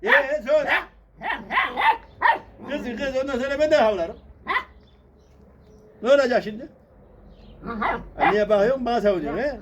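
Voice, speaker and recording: A man's voice: extremely high pitch, expressive, moderate pace, pauses often, highs cut off. A man, a farmer playfully scolding and coaxing his puppy outdoors on a farm. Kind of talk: casual vlog, talking to a dog. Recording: loud background noise, dog barking.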